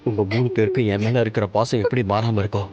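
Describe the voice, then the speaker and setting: A man speaks softly and steadily in a low voice, calming his sister and giving her advice. Heavy music plays behind this TV serial scene. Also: fast talker, lo-fi sound. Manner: gentle, soothing and reassuring. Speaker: elder brother. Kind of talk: TV serial acting.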